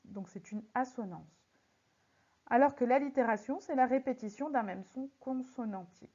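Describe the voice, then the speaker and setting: A woman teaching a recorded lesson on poetry, speaking slowly and deliberately and stressing words syllable by syllable as she works through exercises. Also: fairly high pitch, dark tone. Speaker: French teacher. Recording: slightly muffled lo-fi audio.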